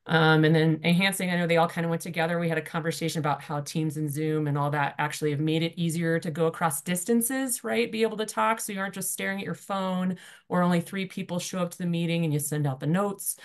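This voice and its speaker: Woman reporting back from a breakout session, quick and casual, low voice, many fillers. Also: fairly even intonation. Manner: fast-talking, informal, many fillers. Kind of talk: online workshop report-out. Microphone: video call.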